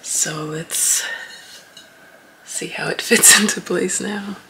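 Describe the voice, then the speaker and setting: A young woman talking casually as a home makeover vlogger, chatty and relaxed with soft laughs. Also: medium pitch, slow, gravelly, heavy background noise. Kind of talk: casual vlog voice-over. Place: small home office indoors.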